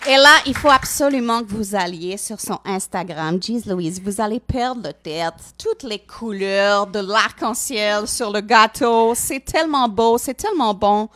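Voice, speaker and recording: A woman's voice: mid-range voice, expressive, a little slow, hardly any pauses, bright, forceful tone. A woman with a Quebec French accent co-hosting a comedy podcast, emphatic and mock-salesy, sprinkling English words into her French. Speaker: co-host of a live book podcast. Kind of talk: playful live comedy banter.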